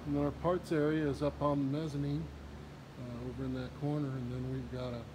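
Touring a large indoor RV repair shop, a Southern US man narrates casually, explaining the technical work in plain terms with a few fillers. His mid-range voice shows little pitch movement, he talks a little fast, and there's noise in the background.

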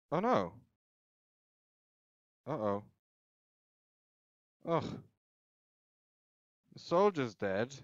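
A man's voice: medium pitch, dry recording. A man, playing a survival game in casual let's-play commentary, exclaiming often and bossing the characters around as he mutters to himself. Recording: dull lo-fi home recording.

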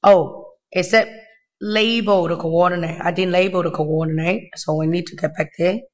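Thin, weak, high-pitched male maths tutor. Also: steady tone, normal speed. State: unwell, weakened voice. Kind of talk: informal step-by-step tutorial narration. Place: indoors at a desk.

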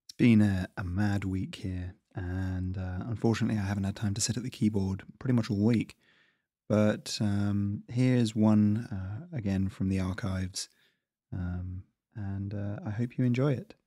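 A man's voice: fairly low pitch, steady tone, measured pace, dark tone, no echo, clean studio sound. A man hosting a podcast and reading his own fantasy flash fiction aloud, with a hesitant, filler-heavy intro. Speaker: podcast host and author.

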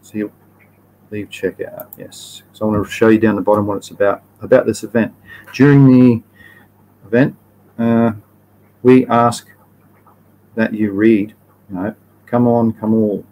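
A man's voice: lowish voice, little pitch movement, normal speed, darkish tone, highs cut off. An Australian man hosting a live stream, chatting casually in a rambling, slangy way and often correcting himself mid-sentence.

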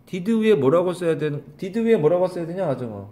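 A man's voice: high-pitched, expressive, a little fast, warm tone. A man teaching an English grammar lesson to a class, calling on students by name, repeating questions and scolding them. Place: small classroom.

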